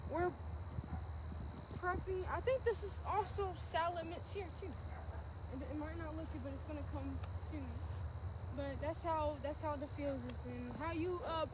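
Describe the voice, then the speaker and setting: A teenage girl with a Kentucky accent giving a casual guided tour of a farm field, chatty and loose with many ums as she walks and points. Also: sits high. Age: teen. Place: outdoors on an open urban farm field. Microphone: camera held by a person following a few feet behind. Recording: outdoor field noise on a handheld camera.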